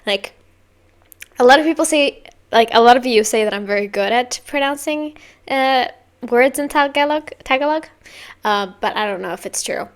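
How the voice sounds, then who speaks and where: A woman's voice: fairly high pitch, moderate pace. A woman who is a native Swedish speaker, giving chatty, explanatory commentary in a casual reaction video.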